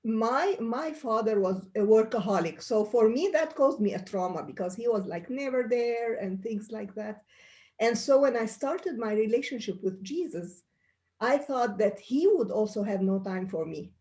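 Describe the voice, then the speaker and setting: A middle-aged Egyptian woman, a pediatrician guest, gives interview answers in a mellow, somewhat high voice that is animated and moves at a normal pace. She explains things earnestly and often restarts her sentences.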